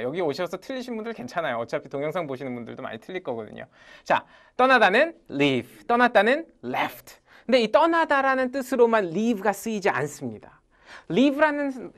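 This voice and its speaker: A teacher leading an English lesson in front of a class, calling out phrases for the room to repeat and praising their answers. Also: medium pitch. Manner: energetic, calls out drills and repeats phrases loudly. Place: lecture room with a live audience.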